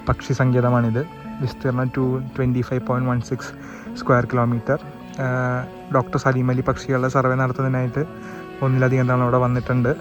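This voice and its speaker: Guy vlogging a walk outside, talks quick, pretty flat tone, loud music under him. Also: mid-range voice, dull audio. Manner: chatty, explains sights as he walks. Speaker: travel vlogger. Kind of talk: casual walking-tour vlog. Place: outdoors at a nature sanctuary. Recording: voice over loud background music.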